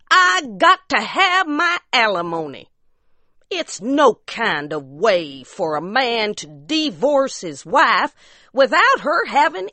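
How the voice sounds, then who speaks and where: A woman's voice: sits high, sharp tone, dry recording, pitched above the performer's own voice, heavily acted. A woman voicing a poor barefoot mountain wife who insists on her rights, in plain rustic backwoods speech.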